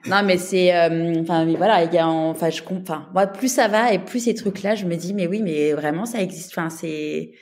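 Female podcast host: lowish voice, conversational, encouraging, quick to react. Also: a little mellow. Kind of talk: conversational interview.

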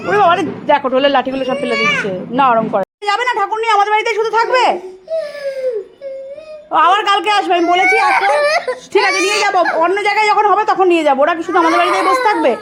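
High-pitched, fast-talking coaxing mother. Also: animated. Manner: coaxing, repetitive, sing-song baby talk. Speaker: mother filming her child. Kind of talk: casual family vlog, soothing a crying child. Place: family home. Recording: loud background noise, home video.

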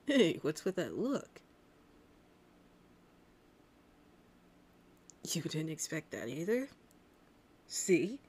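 A woman voicing a shy, flustered young male cartoon hedgehog hero in love, husky and hesitant, in an intimate ASMR roleplay. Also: low-pitched, big pitch swings, a little slow, a little mellow, exaggerated voice. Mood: surprised, defensive. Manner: hesitant, stammering, bashful.

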